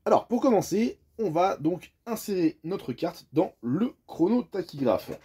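A French bus driver with a high, very animated voice, warm and a bit breathy, walks through how a tachograph works step by step at a measured pace. He's friendly and chatty but hesitant, filling his explanation with lots of fillers.

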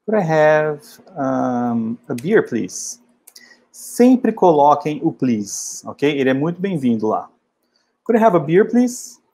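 Man, English teacher, casual explanations, slow drilled example phrases. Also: a little high, sing-song, dark tone. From Brazil. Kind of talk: travel English lesson.

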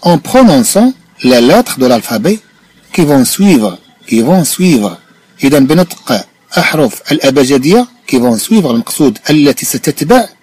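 A Moroccan-accented man teaching a lesson, his voice rising and falling a great deal as he repeats phrases slowly and then explains them. The sound is dry and close, with no room around it. He checks often that his listener is following. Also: a little high, very animated, darkish tone, slightly rough, no echo. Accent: Moroccan Arabic. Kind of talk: bilingual language lesson, explaining line by line.

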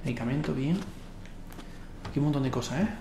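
A man's voice: mid-range voice, fairly quick, gravelly, echoey room, background noise. A man in his thirties with an accent from Spain, muttering casual, sweary gameplay commentary. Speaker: gaming streamer. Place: indoor room at home.

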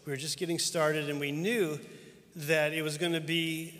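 A man's voice: on the high side, flat delivery, moderate pace, fairly bright tone. A middle-aged man, a church superintendent, giving an earnest, storytelling tribute to a pastor friend on stage. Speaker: denominational superintendent. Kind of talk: heartfelt tribute speech. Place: large church auditorium with live audience. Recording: long hall reverb.

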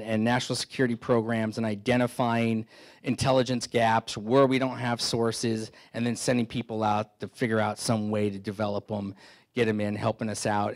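A man's voice: fairly low pitch, darkish tone. Middle-aged man telling stories at a meeting. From San Francisco Bay Area. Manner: conversational storytelling, self-deprecating humor, many restarts. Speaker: keynote speaker, FBI agent. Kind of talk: anecdotal keynote talk. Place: indoor meeting hall, standing before an audience. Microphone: handheld microphone.

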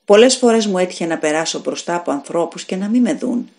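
Woman reading as a gentle, mysterious stranger. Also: lowish voice. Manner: soft, calm and kind. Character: gentle, mysterious young man, a calm stranger. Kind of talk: audiobook fairy tale reading.

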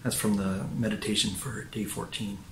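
An older man, a pastor, gives a sermon from his living room to a webcam, speaking haltingly with many fillers and restarts. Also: on the low side, little pitch movement. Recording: roomy home recording with faint noise.

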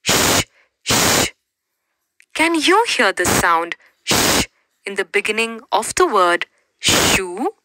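A woman narrating a phonics lesson for preschool children, drawn-out and encouraging. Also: big pitch swings, pushed and bright, dry recording, poor audio. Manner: exaggerated, drawn-out and encouraging, with big pitch swings. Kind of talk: slow, sing-song phonics narration for young children.

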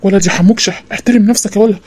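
A voice actor playing a stubborn, grumpy father in an Egyptian cartoon, with a gruff, scolding manner. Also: rapid-fire, darkish tone, lightly acted. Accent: Egyptian Arabic. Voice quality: pitched-up cartoon voice.

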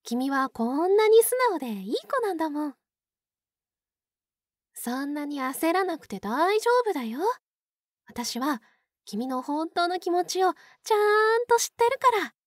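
A woman's voice: high-pitched, sing-song, a little slow, dry recording, studio quality. A woman playing an obsessive, possessive yandere captor in a Japanese ASMR role-play, cooing and coaxing as if to a pet. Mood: soothing, possessive. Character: obsessive yandere older-sister type, sweetly possessive captor.

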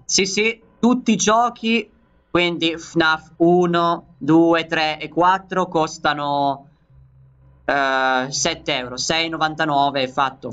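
A man from Italy hosting a gaming channel, giving excitable let's play commentary and calling out to his viewers. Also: a little high, clear, resonant tone, muffled recording.

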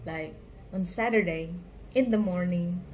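Unhurried young Indonesian woman vlogger. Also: lowish voice, a little mellow. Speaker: fan reaction vlogger. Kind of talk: casual chat to camera. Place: small bedroom, indoors. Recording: noticeable background noise.

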